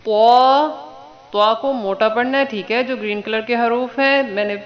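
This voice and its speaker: A woman teaching Quran letters to children online, drawing letters out slowly for students to repeat and checking in with them often. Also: a little high, steady tone. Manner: patient, drawn-out letter recitation for repeating. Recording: dull lo-fi recording.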